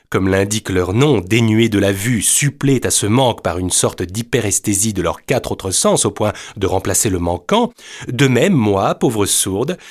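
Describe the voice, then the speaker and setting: A man reading aloud, voicing a young deaf-mute woman who explains herself in a crisp, slightly haughty way. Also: medium pitch, lightly acted. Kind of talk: storybook reading.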